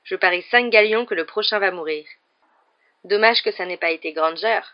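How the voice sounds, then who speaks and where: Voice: medium pitch, steady tone, quick pace, close to an everyday voice. A reader voicing a spoiled, smug schoolboy who taunts and gloats, in a dull lo-fi recording. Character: sneering boy pupil, spoiled and smug.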